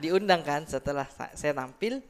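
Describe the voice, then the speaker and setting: A man, a stand-up comedian telling stage stories in casual chat, animated and laughing often. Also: on the high side, moderate pace, crowd noise.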